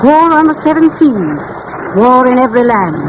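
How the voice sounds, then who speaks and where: Woman narrator on an old radio show, high voice, earnest and declamatory, muffled 1930s recording with a little hiss. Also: very animated, normal speed. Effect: old-time radio broadcast sound.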